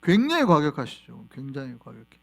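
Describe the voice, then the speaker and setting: A male pastor preaching a sermon in a church, animated and quizzing the congregation with questions. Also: on the high side, a little fast, vocal fry. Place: church sanctuary.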